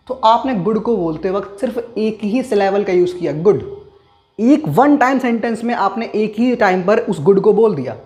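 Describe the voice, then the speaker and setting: A man's voice: high-pitched, a little mellow. Male teacher quizzing his listeners. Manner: asks rhetorical questions and answers them himself; repeats key terms slowly for emphasis. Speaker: English grammar teacher. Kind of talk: explanatory online lesson.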